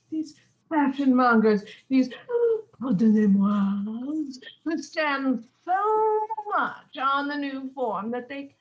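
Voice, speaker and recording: A woman's voice: sits high, exaggerated voice, poor audio. A woman playing a witty, mocking young nobleman, giving the verse a theatrical, teasing delivery. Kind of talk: Shakespeare stage reading.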